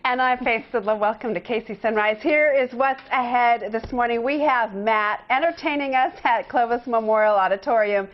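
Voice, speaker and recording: A woman's voice: on the high side, normal speed, hardly any pauses, muffled recording. A woman co-anchoring a live morning news show, cheerful and amused.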